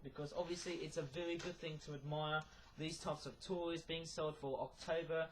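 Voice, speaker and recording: A man's voice: fairly high pitch, steady tone, moderate pace, slight background noise, poor audio. A man chatting casually in a rambling vlog, hesitating and repeating himself as he goes. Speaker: YouTube vlogger.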